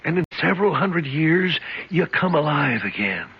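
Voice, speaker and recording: With big pitch swings, a breathy edge and an exaggerated, fairly high voice at moderate pace, an actor portrays an older male convict who says he's escaped across centuries. He sounds earnest, dreamy and rambling in this 1970s radio drama. The audio is muffled and faintly hissy.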